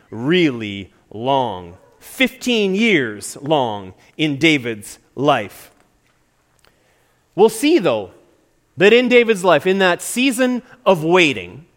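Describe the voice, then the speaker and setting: A man's voice: sits high, fairly bright tone. A male pastor preaching an earnest sermon with emphatic stresses.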